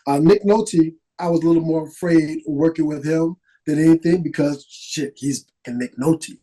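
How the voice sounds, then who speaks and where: A middle-aged man, an actor, telling stories in an animated, casual way as a podcast guest. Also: a little high, normal speed, poor audio. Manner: animated, lively storyteller with restarts. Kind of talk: casual interview storytelling.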